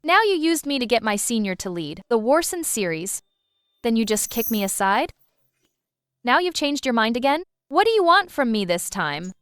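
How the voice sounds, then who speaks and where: A woman's voice: fairly high pitch, very animated, normal speed, fairly bright tone, clean tone, no room sound, clean studio sound. A woman playing a sardonic, hurt young designer in an English-dubbed drama, with an emphatic delivery. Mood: indignant.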